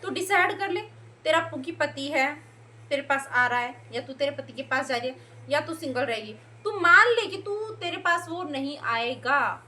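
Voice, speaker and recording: Her voice is high and sharp with lively intonation and a somewhat slow pace as this young woman vents in a heated reaction video on YouTube. Scolding and sarcastic, she imitates the people she criticizes to mock them.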